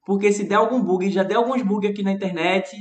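A man's voice: high-pitched, fairly even intonation, a little fast. A man with a Brazilian Portuguese accent, an English teacher giving a chatty live-streamed lesson and answering viewers by name. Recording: roomy echo.

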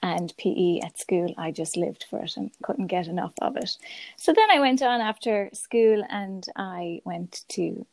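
A woman's voice: mid-range voice, lively intonation, unhurried, vocal fry, a little mellow, no room sound. A woman with a west of Ireland accent chatting enthusiastically as an interview guest on a podcast. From Galway, west of Ireland. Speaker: podcast guest, primary school teacher. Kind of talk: conversational interview answers.

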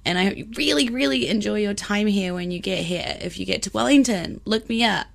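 A woman's voice: medium pitch, a little fast, creaky. A woman with a broad New Zealand accent chatting casually and colloquially as a podcast host. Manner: colloquial, with Kiwi slang and Māori phrases.

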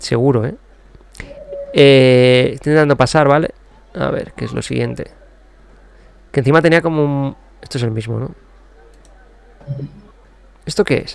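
A man's voice: medium pitch, moderate pace, creaky, long pauses, dry recording. A man with a Spain Spanish accent hosting a casual streamer chat, rambling and thinking aloud with lots of fillers. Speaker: show host.

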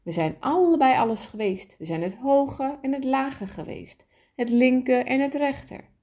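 A woman's voice: high-pitched, animated, normal speed, pitched above the performer's own voice. A woman voicing a kind, wise soul. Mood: gentle. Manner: gentle, patient explaining.

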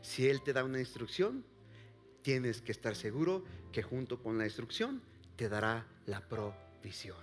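A man preaching a sermon to a congregation, swinging from loud calls to hushed near-whispers and asking the listeners direct questions. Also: medium pitch, very animated, measured pace, soft background music. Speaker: pastor. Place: church service before a congregation.

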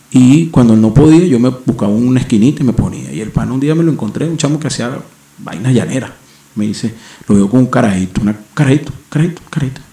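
A Venezuelan man with a Venezuelan accent rambles through a casual podcast monologue on a home microphone, full of slang, swearing and restarts. His voice is mid-range and dark, and the recording sounds roomy.

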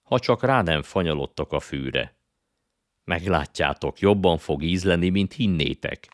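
A man's voice: sits low, lively intonation, no room sound, studio quality. A man voicing a cheerful, easygoing talking horse. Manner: cheerful, mumbling with a full mouth.

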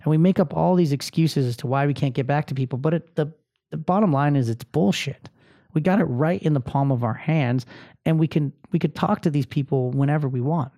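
A man's voice: fairly high pitch, fairly quick, mellow, dry recording. A man hosting a podcast, telling personal stories in a candid, self-deprecating way and swearing freely. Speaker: podcast host. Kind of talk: casual personal monologue.

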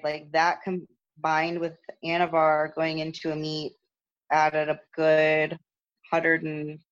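In a phone interview, a young woman who lifts competitively talks casually, often using fillers and restarting her sentences. She no longer has her upper register, so her voice isn't high anymore, and the call audio sounds muffled.

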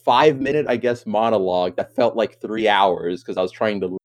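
A man's voice: lowish voice, brisk. Man ranting animatedly in casual chat. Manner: animated, exasperated storytelling with acted-out reactions.

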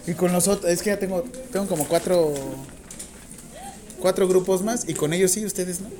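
A woman with a Mexican accent teaching a nursing class, talking casually with slang, dictating slowly and firing questions at the students. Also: lowish voice, steady tone, crowd noise. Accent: Mexican Spanish. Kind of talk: classroom lecture.

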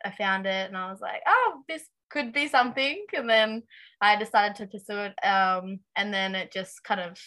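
Bright-voiced young Tasmanian woman, chatting hesitantly. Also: mid-range voice, level tone, moderate pace. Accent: Tasmanian Australian. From Launceston, Tasmania, Australia. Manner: hesitant, informal, frequent ums and likes. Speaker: interview guest, aspiring racing driver. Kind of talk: casual interview chat.

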